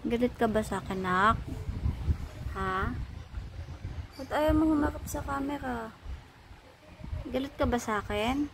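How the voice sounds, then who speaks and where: A woman's voice: high-pitched, vocal fry. A woman filming her pet and talking to it in coaxing, teasing baby talk. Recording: noisy background.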